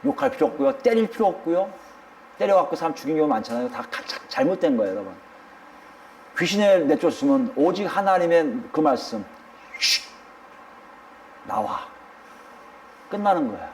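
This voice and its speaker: A man's voice: fairly high pitch, sing-song, fast, creaky, darkish tone, a little hiss or hum. A male pastor preaching a sermon, speaking emphatically and addressing the congregation directly.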